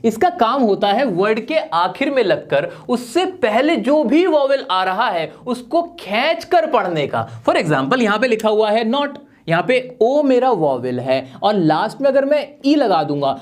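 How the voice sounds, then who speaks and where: A man's voice: very high voice, sing-song, measured pace, hardly any pauses. A man teaches spelling rules in a video lesson. He builds each point step by step and poses rhetorical questions before he answers them.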